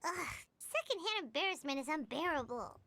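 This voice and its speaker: Squeaky, bright sassy little girl. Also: sing-song, normal speed, dry recording, full character voice. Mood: exasperated. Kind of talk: anime fantasy game voice acting. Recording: music behind the voice.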